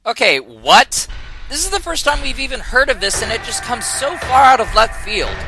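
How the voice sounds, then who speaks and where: A man's voice: extremely high pitch, expressive, a little fast, over music. A man narrating a scripted comedic video game review in a sarcastic, exasperated way.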